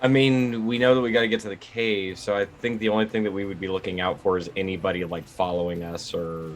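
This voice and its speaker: A man playing a tabletop game and talking with the group in a relaxed, casual way. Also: low voice, fast. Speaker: player.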